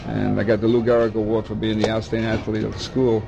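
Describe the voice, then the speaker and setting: A man's voice: lowish voice, completely flat delivery, fast talker, gravelly, muffled recording. An older man from the Dominican Republic, a baseball scout, talking at length in an oral history interview and often repeating himself as he goes. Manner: rambling, repeats words and restarts often.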